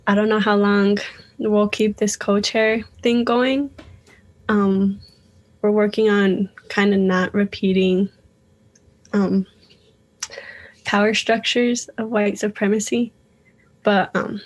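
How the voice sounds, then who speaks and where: A woman's voice: mid-range voice, flat delivery, slow, long pauses, low-quality recording. A young woman guest on a radio interview, speaking casually and hesitantly, with many likes and ums. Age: young adult.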